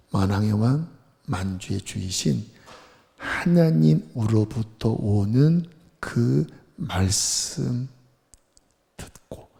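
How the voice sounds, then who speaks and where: Male pastor, earnest sermon delivery; gravelly voice, long church-hall reverb. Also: fairly high pitch, dark tone. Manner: earnest preaching, rising in intensity. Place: church sanctuary.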